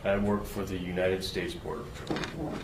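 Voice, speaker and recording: A man testifying as a search and rescue witness, answering questions haltingly with fillers, played from a courtroom recording. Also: deep voice, flat delivery. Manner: halting, with many fillers and restarts. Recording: roomy courtroom recording with background noise.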